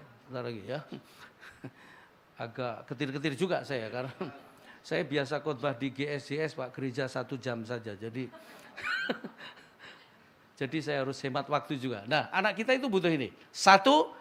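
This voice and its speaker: A middle-aged man preaching a sermon in church, shifting between quiet asides and loud, emphatic passages. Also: mid-range voice, moderate pace, slight background noise. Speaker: pastor.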